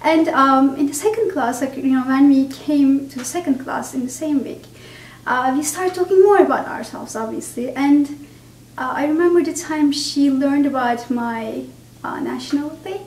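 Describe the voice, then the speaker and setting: A woman from Turkey recalling an experience in an interview, measured and thoughtful. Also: high voice, a little mellow. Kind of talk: reflective interview recollection. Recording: echoey room, mic at a distance, faint background hiss.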